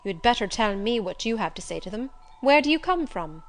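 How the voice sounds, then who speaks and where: A woman's voice: fairly high pitch, big pitch swings, fairly quick. A woman voicing a stern, suspicious elderly female servant in an audiobook, blunt, curt and scolding. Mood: stern, distrustful. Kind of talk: audiobook character voice.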